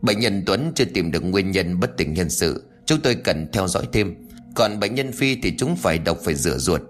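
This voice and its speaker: A brisk doctor gives instructions in a matter-of-fact way, voiced by a male narrator. The voice is low and direct. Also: expressive, soft background music. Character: brisk village hospital doctor.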